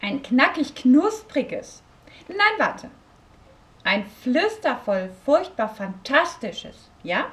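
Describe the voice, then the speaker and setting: A woman voicing a small, excitable furry creature that eats books, talking with a lisp in a read-aloud story. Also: high-pitched, slow pace, voice pushed up, heavily acted. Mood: coaxing. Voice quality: lisping. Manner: relishing, playful word-savoring. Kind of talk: storybook reading.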